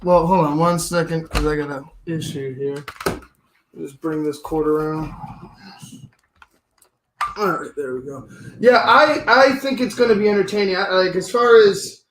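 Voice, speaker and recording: A man's voice: on the high side, a little slow, long pauses, a bit bright, reverberant, a little hiss or hum, rough recording. A hungover man with a slight headache hosting a casual sports podcast.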